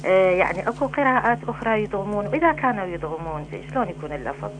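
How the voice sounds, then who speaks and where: A man's voice: sits high, lively intonation, racing. A man with an Iraqi accent calling in over the phone, polite and respectful while asking his question. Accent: Iraqi Arabic. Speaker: caller. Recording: noisy phone line.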